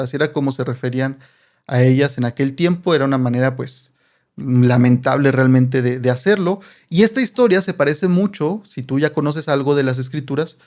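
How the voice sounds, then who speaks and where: A man with a Mexican accent explaining a Bible passage in a relaxed, conversational way, often tagging his sentences with rhetorical questions. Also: on the high side. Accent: Mexican Spanish. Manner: chatty, asks rhetorical questions, frequent "¿no?". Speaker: Bible teacher.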